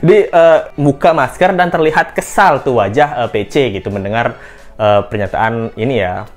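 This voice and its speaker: A woman's voice: extremely low pitch, moderate pace, faint music behind. A woman hosting a casual news commentary vlog, talking in a playful, joking, teasing way. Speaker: host.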